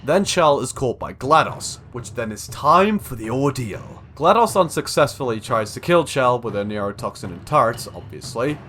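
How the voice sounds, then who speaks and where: With music behind him, a young man narrates a scripted video essay in a medium-pitched voice that rises and falls in a lively way. He keeps a moderate pace and pauses rarely.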